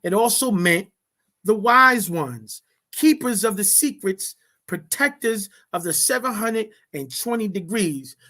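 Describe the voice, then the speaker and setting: A reader works through a text aloud in a slow, deliberate delivery. The voice sits in a middle pitch. Each passage is followed by casual commentary that explains it. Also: lively intonation, pushed and bright. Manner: reads passages, then explains them in casual speech. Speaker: reader leading a study session.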